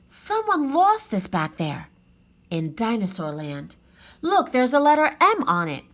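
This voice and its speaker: A woman's voice: on the high side, wildly swooping pitch, unhurried, heavily acted. A woman voicing a careful, puzzled young boy with an earnest, questioning way of talking in a children's storybook. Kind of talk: children's storybook read-aloud.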